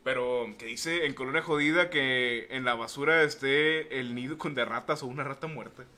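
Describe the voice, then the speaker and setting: A man's voice: mid-range voice, normal speed, bright, forceful tone. A young man with a Monterrey accent, co-hosting a casual podcast, rambling through school memories and laughing often. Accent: northern Mexican (Monterrey). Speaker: podcast co-host. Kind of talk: casual chat.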